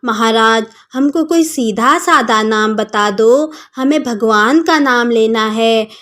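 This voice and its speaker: Lady doing a grumpy blunt villager guy, slow delivery. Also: fairly high pitch, a bit bright. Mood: pleading. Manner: blunt, snappish. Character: illiterate village man, blunt and irritable.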